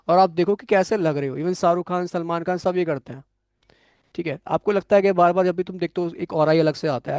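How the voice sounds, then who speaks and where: A man's voice: high voice, darkish tone, clean tone, no room sound, studio quality. A young man teaching a programming class, giving blunt career advice and checking in often with his students. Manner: frank, coaching tone, frequent "theek hai" check-ins. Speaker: programming course instructor. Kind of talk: classroom lecture with live and online students.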